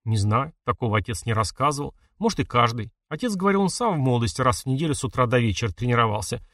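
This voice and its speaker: A man's voice: medium pitch, very animated, fast, fairly bright tone, no room sound, clean studio sound. A man reading an audiobook, voicing a sulky, defensive teenage village boy who snaps and grumbles. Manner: snappish, grumbling.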